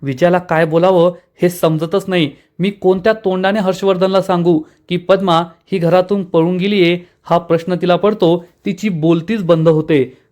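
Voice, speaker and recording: Man, high pitch, serial recap narration, dramatic retelling. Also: fairly even intonation, normal speed, hardly any pauses, a little mellow. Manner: dramatic retelling, voices characters' lines with rising intensity. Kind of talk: storytelling recap.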